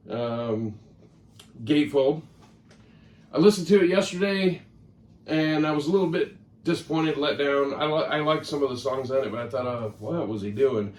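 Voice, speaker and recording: A man's voice: medium pitch, darkish tone. A man vlogging casually about his record collection, chatty and rambling, often correcting himself. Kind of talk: casual talk to camera. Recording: roomy sound, mic at a distance.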